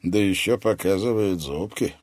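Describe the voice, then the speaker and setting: A man's voice: low-pitched, normal speed, darkish tone, dry recording, studio quality, lightly acted. A man voicing a sneering bony old puppet lord. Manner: scornful, mocking.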